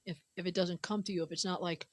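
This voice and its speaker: A woman with a lowish voice chats casually in a dry radio studio. She speaks loosely, leans on "you know" and "like", and sounds relaxed and unguarded. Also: quick pace, no echo. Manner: loose, filler-heavy, says "you know" and "man". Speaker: singer-songwriter guest. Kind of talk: casual interview chat. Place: radio booth.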